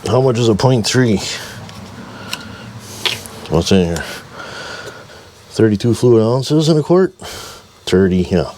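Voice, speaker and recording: A man's voice: on the low side, lively intonation, takes it slowly, pauses often, warm tone. A man narrating casually while wrestling with a boat engine, grumbling wryly to himself and strained from the cramped spot. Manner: grumbling, wry, talks to himself while working. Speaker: DIY mechanic vlogger. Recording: noisy workshop recording.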